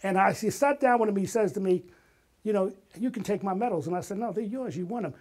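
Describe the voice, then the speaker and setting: An older man with a high-pitched, quick, slightly mellow voice is an interview guest and retired artist and playwright. He delivers animated personal stories in a dramatic, emphatic style, performing the quotes.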